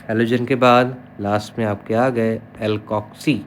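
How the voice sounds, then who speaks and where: A man's voice: on the low side, flat delivery, slow, slight background noise. A man teaching an online chemistry lesson, who spells terms out letter by letter and keeps checking in with his students. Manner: explanatory, checks in with repeated "okay".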